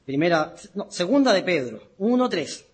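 A man preaching a sermon, reading scripture aloud and explaining words slowly and deliberately, repeating key terms for emphasis. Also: high-pitched, big pitch swings, breathy edge.

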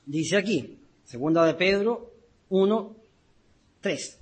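A man delivers a sermon in a high, husky voice, unhurried and deliberate. He reads scripture aloud and dwells on key words, repeating them for weight. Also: lively intonation. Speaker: preacher. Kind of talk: sermon with Bible reading.

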